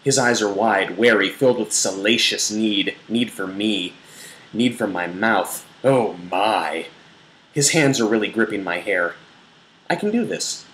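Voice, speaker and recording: The speaker is a male blogger reading aloud, performing an erotic novel as a theatrical, mock-sensual dramatic piece. He's a little slow, his voice low and a bit bright. Faint background noise and a roomy echo fill the recording.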